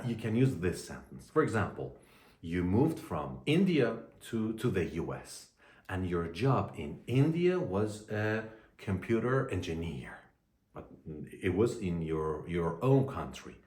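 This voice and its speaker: A man teaching an English lesson to learners, speaking deliberately and repeating phrases for them to copy. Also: low voice, darkish tone. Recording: echoey room.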